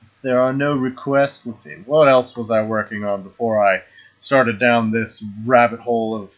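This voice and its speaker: A man's voice: mid-range voice, steady tone, normal speed. A man chatting casually while live-streaming a card game, hesitant and full of fillers and restarts. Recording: dull lo-fi stream audio.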